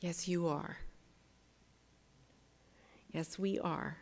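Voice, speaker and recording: A woman's voice: lowish voice, steady tone, very slow, a little mellow, long reverb tail. A woman pastor giving a sermon, speaking emphatically and leading the congregation in call-and-response. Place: church sanctuary.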